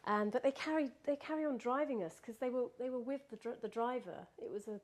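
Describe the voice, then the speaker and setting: A woman's voice: on the high side, fast, a little mellow. A woman recounting a personal experience in casual spoken storytelling, laughing often and restarting her sentences.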